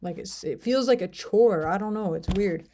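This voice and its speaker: Speaking at normal speed in a warm, mid-range voice, an American woman vlogs casually to the camera. She's a language learner vlogger from the United States, and her talk is rambling and hesitant, packed with fillers.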